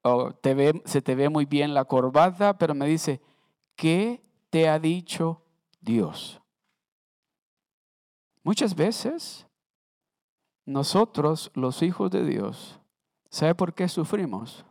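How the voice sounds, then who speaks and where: Guy preaching sunday service, chatty, keeps asking the crowd stuff, kinda high voice. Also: lively intonation, takes it slowly, vocal fry, darkish tone, no room sound, clean studio sound. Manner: conversational, sprinkles English words, asks the congregation questions. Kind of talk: Sunday sermon. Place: church.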